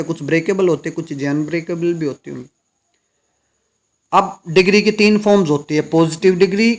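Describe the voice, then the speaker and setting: Guy teacher going through grammar rules, asks a question then answers it himself, kinda high voice. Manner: explains step by step, asks and answers his own questions. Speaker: English teacher. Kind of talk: classroom grammar lesson. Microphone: recorded lesson video.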